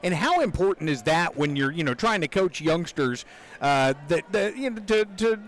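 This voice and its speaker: A man's voice: a little high, expressive, normal speed. A male interviewer asking long, rambling questions with many fillers, agreeing often, in a postgame interview.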